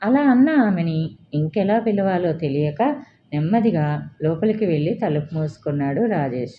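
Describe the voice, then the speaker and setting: A woman narrating a story as an audiobook reader, in a calm, measured way. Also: fairly low pitch. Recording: dull lo-fi with faint hiss.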